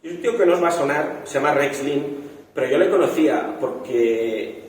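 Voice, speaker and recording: A man's voice: on the high side, normal speed, slight background noise. Young guy from spain telling film stories, acts out voices, big echoey hall, far from the mic. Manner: animated storytelling, acting out quoted voices. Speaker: film director. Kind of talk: festival talk.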